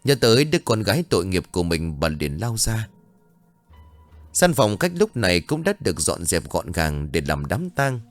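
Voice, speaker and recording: A man narrating a ghost story in a dramatic, expressive storytelling manner. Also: low voice, normal speed, faint music behind.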